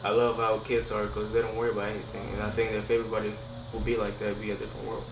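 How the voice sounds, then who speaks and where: A 23-year-old man from Veracruz speaks sincerely. His voice is low and flat, and it sounds set back from the mic in a reverberant room with noise behind it. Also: rapid-fire. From Veracruz, Mexico. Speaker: interviewee. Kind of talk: documentary interview. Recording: roomy, distant and noisy.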